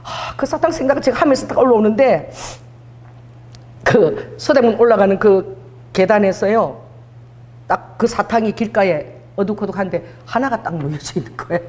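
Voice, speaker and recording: A middle-aged woman pastor giving a sermon as a personal testimony, telling her story with animated storytelling and acting out the people she quotes. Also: medium pitch, moderate pace. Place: church sanctuary.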